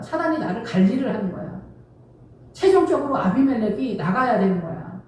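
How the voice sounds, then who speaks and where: A woman pastor preaches in a pitched-up voice, talking to her congregation casually and firing off rhetorical questions. She sounds far from the microphone, and her voice rings around a very echoey hall. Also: a little mellow. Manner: emphatic, fires rhetorical questions, casual speech. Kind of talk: conversational sermon. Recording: very echoey hall, distant mic.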